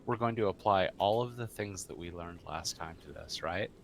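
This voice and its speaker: A man in an online game voice chat, joking and animated about the raid. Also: deep voice, normal speed, creaky, slight background noise. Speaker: raid member. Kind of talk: gaming voice chat.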